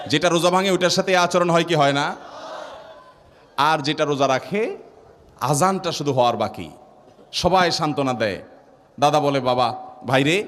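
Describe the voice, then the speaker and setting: Male preacher, high-pitched, vivid storytelling, long hall reverb. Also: a bit bright. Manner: vivid storytelling with repeated rhetorical questions. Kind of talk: Islamic sermon with storytelling.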